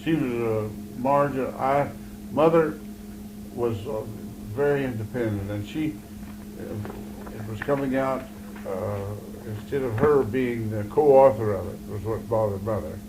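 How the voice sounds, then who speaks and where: An older man, reminiscing in a halting, folksy way in a casual interview. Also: medium pitch. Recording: noisy 1981 amateur interview recording.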